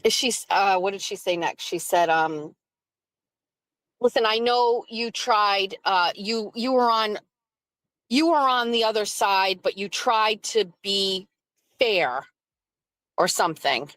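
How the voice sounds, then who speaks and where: A woman's voice: medium pitch, slow pace, long pauses, fairly bright tone, no room sound. A woman telling a story on a live stream, rambling with many fillers and reading chat comments. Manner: rambling with frequent "like" fillers and laughs; reads and answers chat comments.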